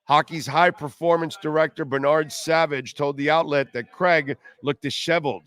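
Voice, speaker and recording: A man's voice: fairly high pitch, steady tone, moderate pace, a bit bright. A man hosting a radio show, giving informal, wry sports-talk commentary in a conversational way.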